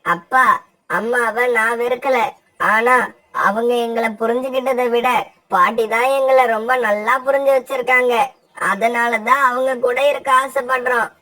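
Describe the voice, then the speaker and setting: A woman's voice: fairly high pitch, steady tone, normal speed, pushed and bright, far from the mic, poor audio. A woman voicing a stubborn eldest son crow in a cartoon, firm and defiant. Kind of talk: cartoon voice acting.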